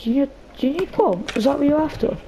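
High-pitched, expressive and creaky, her voice moves fast over a noisy background. The young gaming host chats casually and nervously with her viewers and with a game character. Faint game music plays under the dull lo-fi recording.

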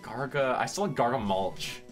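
A young man trading teasing, quick comebacks while co-streaming a video game. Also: mid-range voice, animated, faint music behind. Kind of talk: casual let's play banter.

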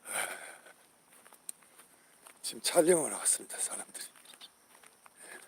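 A man's voice: fairly high pitch, lively intonation, measured pace, darkish tone, husky. An older man walks through an outdoor flower garden, calling out the name of each flower in turn and urging his viewers on with hearty patriotic appeals. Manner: exclaims over each flower, repeating names. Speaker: channel host. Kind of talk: outdoor walking vlog.

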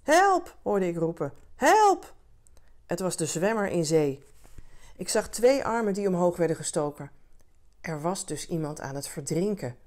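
Een vrouw die een verhaal voor volwassenen rustig en zacht voorleest als bedverhaal. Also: female voice, fairly low pitch. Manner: gentle, unhurried storytelling. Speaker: reader of stories for adults. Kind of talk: calm bedtime reading.

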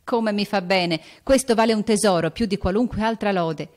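A woman voicing a spirited, impulsive teenage girl in an audiobook, with an excited, emphatic delivery. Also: lowish voice, a little fast, natural voice. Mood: moved. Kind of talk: audiobook character voice.

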